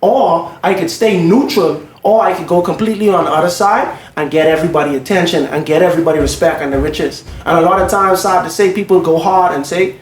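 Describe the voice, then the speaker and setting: Male, high voice, casual slangy conversational storyteller; echoey room, slight background noise. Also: brisk, few pauses. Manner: slangy, peppered with "bro" and check-in phrases. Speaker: podcast speaker, music entertainer. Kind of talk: casual faith discussion with personal stories. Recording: roomy echo, faint background noise.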